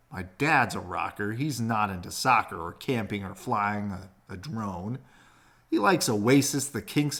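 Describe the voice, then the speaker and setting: In a mid-range voice, a man reads a children's picture book aloud, giving it an expressive, storytelling flair.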